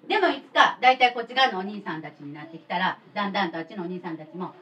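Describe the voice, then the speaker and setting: A woman in her thirties with a Kansai accent, telling a chatty, animated children's sermon as a church pastor. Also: medium pitch, rapid-fire, lo-fi sound. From Kobe, Japan. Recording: distant mic with faint noise.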